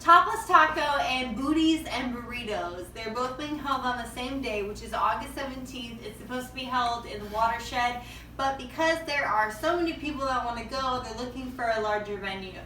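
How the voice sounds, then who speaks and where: A woman in her late twenties with a bright, slightly high voice co-hosts a casual podcast, cracking profane jokes. She sounds set back from the mic in an echoey room. A faint hum of noise sits underneath. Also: a little fast, recorded from a distance. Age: late 20s. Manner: profane, joking. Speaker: podcast co-host. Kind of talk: casual chat.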